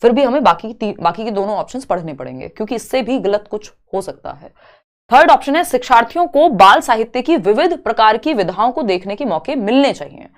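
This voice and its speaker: A woman's voice: fairly high pitch, lively intonation, a little fast. A woman teaching an online exam-prep lesson, explaining each option step by step with rhetorical questions and English terms mixed in. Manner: mixes English terms into Hindi.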